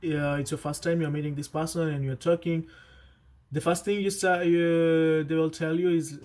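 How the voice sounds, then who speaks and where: Talking to camera with casual vlog advice, this young man is earnest and talkative, frequently restarting and adding asides. His voice is a little high and a little mellow, with little pitch movement and a moderate pace.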